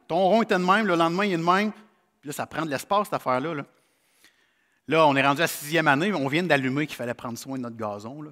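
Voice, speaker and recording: Folksy Québécois pastor in a reverberant church. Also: male voice, fairly high pitch, a bit bright. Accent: Québécois French. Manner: folksy, storytelling with humorous asides. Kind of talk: sermon. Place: church sanctuary.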